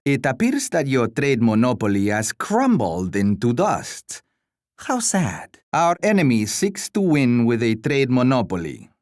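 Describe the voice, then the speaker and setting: An actor playing a pompous, genteel royal commander in a strategy video game, speaking formally and theatrically. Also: male voice, mid-range voice, no room sound, studio quality. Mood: smug, taunting. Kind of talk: scripted strategy game voice lines.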